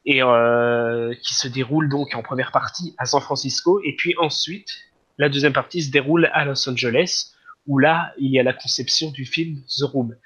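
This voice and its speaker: A man's voice: medium pitch, a bit bright. A man talking casually about a film as a podcast guest, hesitant with many fillers. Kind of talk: casual film review chat.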